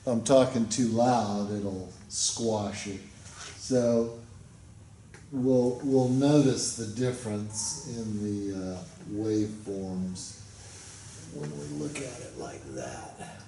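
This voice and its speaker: Male instructor, slow rambling lecture, mellow low voice, roomy classroom echo from afar. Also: creaky, a little hiss or hum. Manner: relaxed, rambling explanations with fillers. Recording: echoey classroom from a distance.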